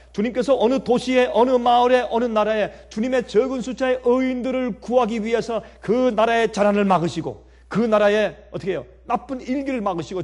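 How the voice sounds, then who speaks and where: A male pastor delivers a sermon in a high, husky voice whose pitch leaps and dips dramatically. He drives his points with repeated rhetorical questions, swelling loud and then dropping to near murmurs. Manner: emphatic, constant rhetorical questions.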